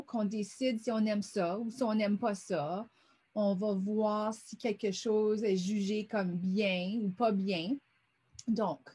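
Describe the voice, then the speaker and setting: Slow, husky-voiced woman teacher. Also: mid-range voice, dark tone. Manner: patient, sounds words out syllable by syllable. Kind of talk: vocabulary lesson narrated over a screen.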